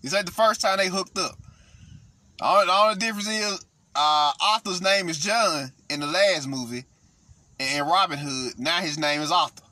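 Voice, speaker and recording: A man's voice: high voice, moderate pace, bright, forceful tone, dry recording. A man hosting casual commentary, rambling and profane, with frequent restarts. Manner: rambling, profane, frequent restarts, "see what I'm saying". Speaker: host.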